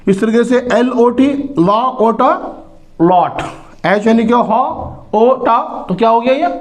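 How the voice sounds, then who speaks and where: A man teaching phonics in a classroom-style lesson, speaking, slowly spelling out letters and sounds and asking rhetorical questions. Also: very high voice. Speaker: English teacher.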